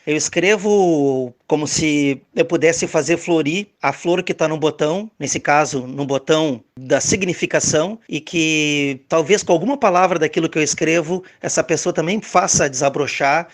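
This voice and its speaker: A man's voice: a little high, normal speed, few pauses. A man, an author, speaking reflectively and poetically about his writing. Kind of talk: recorded personal reflection.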